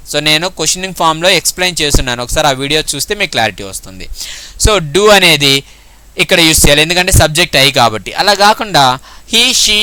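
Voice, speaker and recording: A man with a Telugu accent teaching English grammar, who explains in Telugu and reads the English example sentences slowly and deliberately. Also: fairly high pitch, bright, forceful tone, poor audio.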